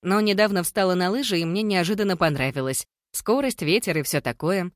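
A reader voicing a secretive young woman who answers softly and evasively, in a dry recording. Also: on the low side, brisk, no echo, pitched above the performer's own voice, natural voice.

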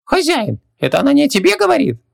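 A man's voice: very high-pitched, huge pitch swings, fast, vocal fry, voice pushed up, full character voice. A man voicing a fawning little male djinn servant who speaks cautiously and deferentially to his master.

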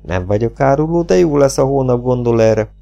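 A man voicing a calm, unbothered young Mexican male outlaw in an audiobook, with a gravelly voice. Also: mid-range voice, dull audio, faint music behind. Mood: calm, flat.

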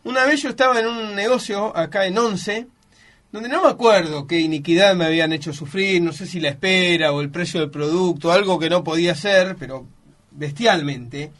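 A man's voice: sits high, normal speed, fairly bright tone. A man with an Argentine accent, a joking radio sports panelist who tells anecdotes and acts out quotes. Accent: Argentine Spanish. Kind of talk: comic sports chat. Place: radio studio.

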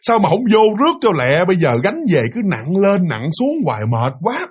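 A man doing a shrill flustered fruit-seller woman. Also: sing-song, normal speed, slightly rough, exaggerated voice. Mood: exasperated. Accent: Southern Vietnamese. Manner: shrill, scolding, panicky exclamations.

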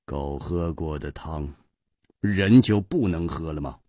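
A man's voice: takes it slowly, no room sound, studio quality, heavily acted. Man doing a cold, sneering swordsman. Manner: low, quiet, sneering. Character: cold, sarcastic adult male swordsman.

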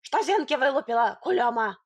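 A woman's voice: sits high, expressive, a little fast, husky. A woman voicing a scrawny village man who is first rude and gabbling, then sugary and lovesick.

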